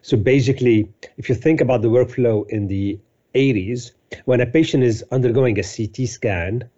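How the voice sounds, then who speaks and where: A man's voice: medium pitch, moderate pace, mellow, muffled recording. A man in his fifties from Lebanon, a company CEO telling his career story as a podcast guest in a detailed, conversational way. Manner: detailed storytelling with frequent fillers. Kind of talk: conversational interview answers.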